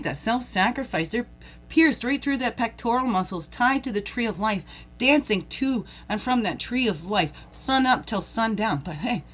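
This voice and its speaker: A woman hosting a daily spiritual reflection, talking loosely, laughing at herself and asking the listener many questions. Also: medium pitch. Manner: rambling, warm-hearted, laughs at herself, asks the listener questions. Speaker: host of a daily reflection show. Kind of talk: casual spiritual reflection talk.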